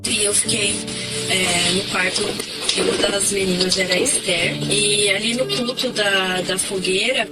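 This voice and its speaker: A woman telling her testimony as a camp counselor, in a steady storytelling manner. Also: mid-range voice, unhurried. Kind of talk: personal testimony narration. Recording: loud music behind.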